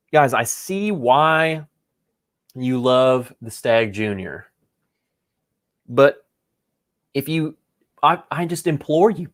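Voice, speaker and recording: A man hosting a casual live whiskey tasting, joking and rambling as he chats with viewers. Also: on the high side. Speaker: whiskey livestream host. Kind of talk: casual livestream tasting chat.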